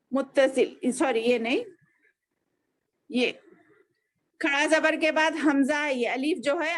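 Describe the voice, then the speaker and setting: Over a video call, a woman with a high-sitting voice teaches a Quran class for children. She patiently spells out each letter and vowel.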